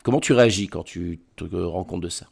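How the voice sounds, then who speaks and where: Gravelly low-voiced game master. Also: male voice, darkish tone. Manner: halting, repeats words and fills with "euh". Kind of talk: narrating a tabletop role-playing game.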